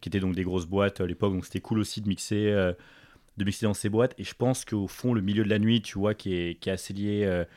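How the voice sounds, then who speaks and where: This low-leaning male voice belongs to a young Parisian entrepreneur talking through his path as a guest on a podcast. He speaks quickly and casually, hesitating and starting over often, and the recording has no echo.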